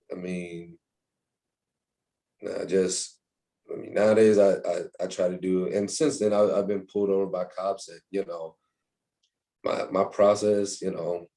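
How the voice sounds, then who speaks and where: A man's voice: deep voice, mellow. A young man talking casually in an interview, with many restarts and fillers. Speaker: interviewee, university staff member.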